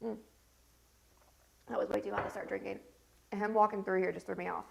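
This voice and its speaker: A woman's voice: mid-range voice, level tone, a little fast, gravelly, noisy background. Stuffy-nosed woman vlogger. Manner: chatty and rambling, many fillers. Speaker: beauty vlogger host. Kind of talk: casual get-ready-with-me chat. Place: at home.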